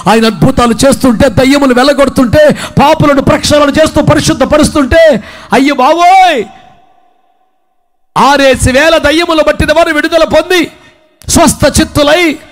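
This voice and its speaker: A man preaching in the voice of a grieving, repentant woman disciple, giving impassioned first-person testimony that rises to shouts. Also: very high-pitched.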